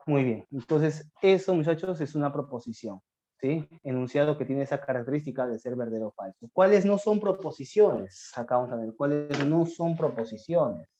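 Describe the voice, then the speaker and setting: A male math teacher, giving a classroom lecture on logic, asking his students questions and answering them himself, and slowing down to dictate. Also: a little high, mellow. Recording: dull lo-fi sound.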